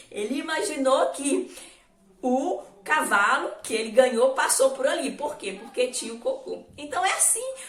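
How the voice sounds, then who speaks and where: A woman, a weight-loss coach telling stories in a casual motivational talk. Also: sits high. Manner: chatty storytelling with laughs. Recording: echoey room, distant mic.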